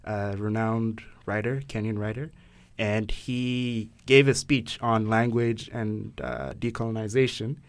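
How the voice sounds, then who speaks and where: A man's voice: lowish voice, flat delivery, unhurried. A young man from Ghana hosting a casual podcast discussion, thoughtful and hesitant, with many fillers and restarts. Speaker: podcast host.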